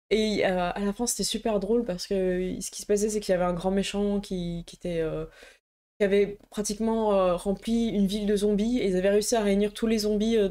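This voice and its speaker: A woman's voice: medium pitch, dark tone. A woman chatting casually to camera about a tabletop roleplaying book, with many fillers and restarts. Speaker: tabletop roleplaying game YouTuber. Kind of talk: casual show-and-tell chat.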